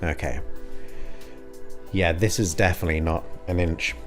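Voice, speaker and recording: With soft music in the background, a man in his forties speaks in a low-pitched, steady tone at normal speed. He's a livestream host rambling casually and thanking viewers by name.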